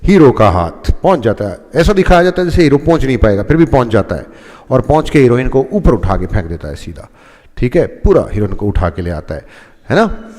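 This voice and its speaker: A man's voice: medium pitch, very animated, fairly quick, darkish tone, long reverb tail. A man teaching English phrases, explaining in Hindi and acting out examples. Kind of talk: spoken English lesson in Hindi.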